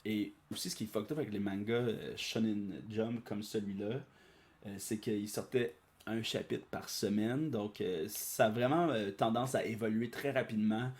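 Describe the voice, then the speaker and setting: A man's voice: on the low side, fairly even intonation, moderate pace, darkish tone. A man casually reading a manga aloud, with chatty asides and many hesitations. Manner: chatty, aside-filled, hesitant filler-heavy commentary. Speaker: audiobook reader and commentator.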